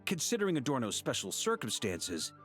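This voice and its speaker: A man's voice: mid-range voice, wildly swooping pitch, fairly quick, a bit bright, soft background music. A man voicing an exasperated, fatherly veteran Grand Master of knights in a video game, commanding but humorous. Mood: firm, reassuring. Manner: gruff-humoured, commanding, sighing.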